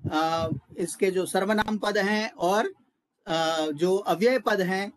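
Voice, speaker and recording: A man teaching a Sanskrit grammar lesson, who breaks each word apart slowly and methodically. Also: sits high, dry recording, low-quality recording. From India. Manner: slow, methodical, spells out words. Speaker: Sanskrit lecturer.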